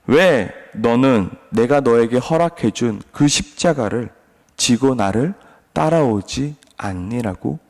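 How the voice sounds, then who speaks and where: A man voicing God questioning a doubting believer, low and firm. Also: expressive, slow, a little mellow. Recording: long reverb.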